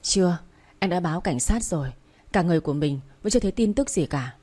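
A woman's voice: lowish voice, lively intonation, fast, dark tone. A woman voicing a stern young father. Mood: reassuring. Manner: firm, commanding. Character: stern wealthy young father searching for his son.

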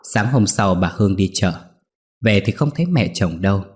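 A man narrating an audio story in a lively storytelling manner. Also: on the low side, moderate pace. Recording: faint background music.

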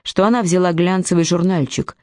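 Female audiobook narrator, low and measured, dry studio sound. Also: fairly even intonation, a little mellow, no room sound. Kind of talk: storytelling read aloud.

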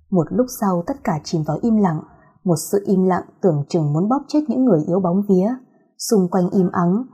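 A woman narrates a scripted horror story with a steady, suspenseful delivery. Her voice is mellow and dark-toned, with a soft husky edge, at an ordinary middle pitch. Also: highs cut off.

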